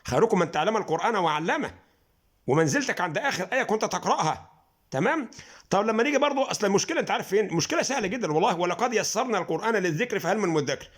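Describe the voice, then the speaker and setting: Egyptian male recitation teacher, high-pitched and quick, informal lesson, coaxing tone. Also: lively intonation. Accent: Egyptian Arabic. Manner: coaxing, repeats "تمام؟" often, slows down to demonstrate letters and recite verses. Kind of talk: informal lesson on Quran pronunciation.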